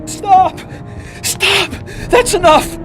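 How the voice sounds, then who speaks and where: A man's voice: very high-pitched, very slow, over music, exaggerated voice. An actor playing a fearful religious zealot man who preaches about doom and breaks into frantic screams. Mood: panicked. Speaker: suspect in a game cutscene.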